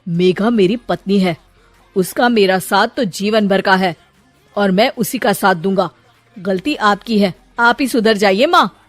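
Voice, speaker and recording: A woman's voice: fairly high pitch, lively intonation, moderate pace, no echo, soft background music, close to an everyday voice. A woman voicing a stern young married son who speaks firmly and bluntly to his parents. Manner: firm, blunt.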